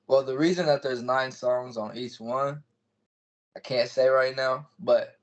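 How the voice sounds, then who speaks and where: A man's voice: medium pitch, steady tone, measured pace. A man in his twenties chatting casually as an interview guest, explaining things in plain words. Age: 20s. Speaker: music artist being interviewed. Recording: dull, lo-fi call audio.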